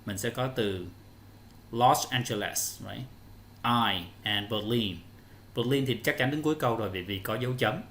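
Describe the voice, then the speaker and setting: A man's voice: medium pitch, moderate pace, fairly bright tone, slight background noise. A male English teacher, explaining answers step by step to children in an online lesson.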